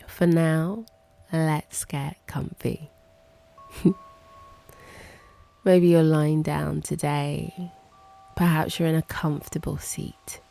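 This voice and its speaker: A woman leads a slow, hushed guided meditation in a low, mellow, creaky voice that stays steady. She speaks softly with long pauses, her phrases trailing off breathily over gentle background music.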